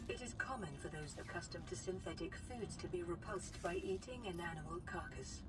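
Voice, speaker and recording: A woman voicing a calm female onboard computer assistant in a game, with a gentle, caring robot voice. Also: lowish voice, a little fast. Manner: calm, even, informative. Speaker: in-game AI narrator. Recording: distant game audio with loud music.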